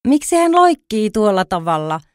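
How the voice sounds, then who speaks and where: A woman's voice: medium pitch, big pitch swings, no echo, clean studio sound, voice pushed up, natural voice. A woman voicing a small, curious male fawn who exclaims with wonder in a storybook reading.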